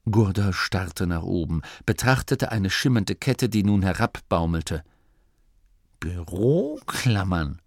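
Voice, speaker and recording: A man reading a fantasy audiobook as narrator in an expressive storytelling manner. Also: low voice, a little slow, hardly any pauses, no echo, studio quality. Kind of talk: scripted narration.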